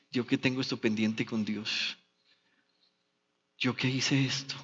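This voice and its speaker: A man's voice: medium pitch, a bit bright, lo-fi sound. Colombian man preaching in a reverberant church. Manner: dramatic storytelling, acting out biblical dialogue. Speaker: pastor. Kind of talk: sermon.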